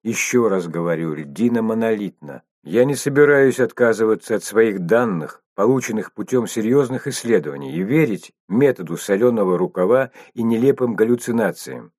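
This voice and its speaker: A man reading an audiobook voicing a stubborn, sharp-tongued woman glaciologist who hisses her scorn. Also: on the low side, lively intonation, moderate pace, hardly any pauses, dry recording, studio quality. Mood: scornful. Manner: hissing, scornful, insistent.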